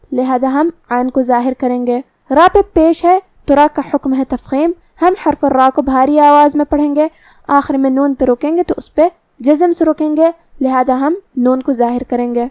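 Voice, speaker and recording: A woman teaching Quran recitation rules, explaining pronunciation step by step and reciting verses slowly. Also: sits high, darkish tone, dry recording. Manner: explains articulation points methodically, then recites verses very slowly. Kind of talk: tajweed lesson with slow recitation.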